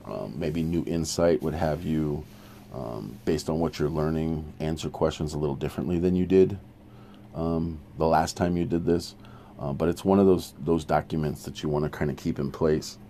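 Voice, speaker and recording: A man's voice: rumbling low, moderate pace, vocal fry, mellow, a little hiss or hum. A man hosting a recovery podcast, giving earnest, practical advice in an informal teaching monologue with frequent restarts.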